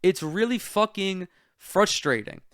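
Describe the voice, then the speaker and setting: Guy ranting about politics, swears a lot, kinda high voice, dry close sound. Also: lively intonation, measured pace, no room sound. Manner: heated, profane, loud outbursts. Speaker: political commentator and show host. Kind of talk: political commentary rant.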